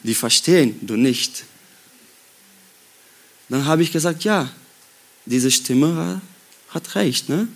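A young man from Brazil with a Brazilian accent, preaching a sermon at a youth retreat in slow, halting German. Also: on the high side, expressive, vocal fry. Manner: slow, halting German with non-native grammar. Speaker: youth pastor. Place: worship room before a youth audience.

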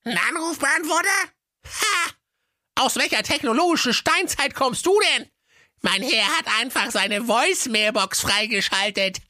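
A sarcastic, half-plucked parrot with a squawking, very high voice. He is bright and shrill and mocks the others. The sound is close and dry, as in a comic audio fairy tale. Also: unhurried, dry recording, full character voice. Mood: snarky. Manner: snarky, shrill. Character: cheeky male parrot, half-plucked and jobless.

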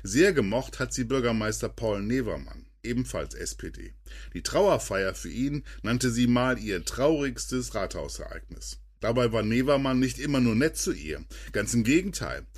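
A man reading a scripted podcast story as narrator, in a lively storytelling manner. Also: normal speed, breathy edge. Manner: lively storytelling read with dramatic drops in pitch.

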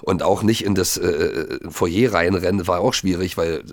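A man co-hosting a casual podcast chat, retelling a story in an animated way, full of fillers and restarts. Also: deep voice, measured pace, vocal fry. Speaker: podcast co-host. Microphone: remote recording.

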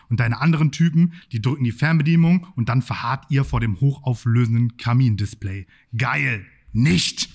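A man's voice: mid-range voice, husky. A man performing a boastful macho bearded man in a comic monologue, full of swaggering mock-tough bragging. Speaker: podcast host.

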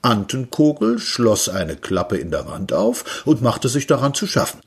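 A man reading a literary story aloud in a wry, lively storytelling manner. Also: mid-range voice, unhurried, breathy edge. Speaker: reader.

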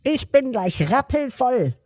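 A man's voice: extremely high pitch, very animated, slow, a little mellow, dry recording, studio quality, pitched above the performer's own voice, exaggerated voice. A man voicing a bossy talking cup that squawks and nags to be filled, in a bedtime story. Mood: demanding. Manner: squawking, nagging.

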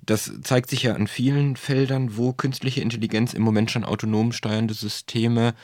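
A man's voice: medium pitch, little pitch movement, moderate pace, darkish tone, no room sound, studio quality. A man co-hosting a talk podcast, explaining his views at length in a thoughtful way. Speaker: podcast co-host. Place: studio.

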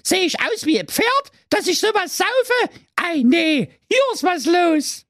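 Man putting on a shrill evil fairy. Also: sing-song, slow, fairly bright tone, no room sound, clean studio sound, heavily acted. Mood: shrill scolding. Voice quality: shrill, scolding, cackling. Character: shrill cranky evil fairy woman, quick-tempered. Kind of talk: comedic storybook reading.

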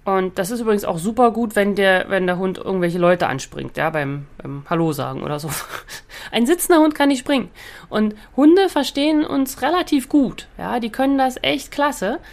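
A woman dog trainer hosting a podcast lesson in a chatty, lively way, often checking in with listeners and laughing between points. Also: medium pitch, normal speed. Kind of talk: casual spoken podcast lesson.

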